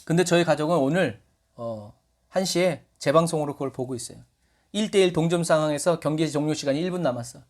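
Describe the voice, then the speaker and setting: Lively Korean pastor preaching. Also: male voice, a little high. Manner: lively, asks the congregation questions and acts out quotes. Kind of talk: sermon.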